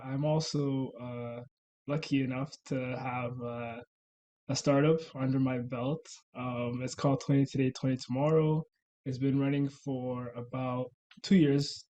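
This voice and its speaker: A man's voice: mid-range voice, dark tone, lo-fi sound. A young man from Rwanda, a university student, answering interview questions casually with many ums and uhs. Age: young adult. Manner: hesitant, many ums and uhs, laughs often. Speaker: interview guest.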